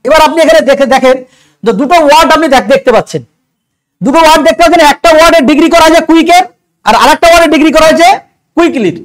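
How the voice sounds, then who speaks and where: Fast, very high-voiced male grammar teacher. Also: rough recording. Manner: explains step by step with frequent rhetorical questions. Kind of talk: exam doubt-clearing lecture.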